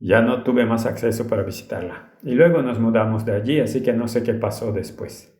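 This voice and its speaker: A man's voice: mid-range voice, fairly quick, a little mellow. Earnest male preacher, roomy echo. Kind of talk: sermon, dubbed storytelling.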